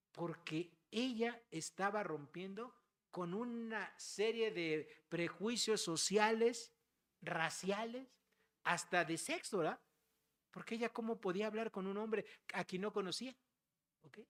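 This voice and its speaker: A preacher with a Mexican accent delivers a sermon in a chatty, teaching tone, at a middle pitch. The preacher keeps checking in with the listeners and slips into short acted-out dialogues to make a point. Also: fairly bright tone. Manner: conversational, keeps checking in with "¿verdad?"; acts out everyday dialogues to illustrate points.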